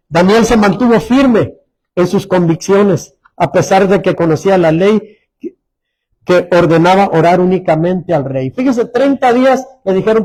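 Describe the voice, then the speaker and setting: A man. He keeps turning to his listeners with quick questions and then slows right down to read the scripture. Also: sits high, a little mellow, poor audio. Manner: preaches with rhetorical questions to the congregation, reads scripture aloud slowly. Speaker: pastor. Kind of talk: sermon.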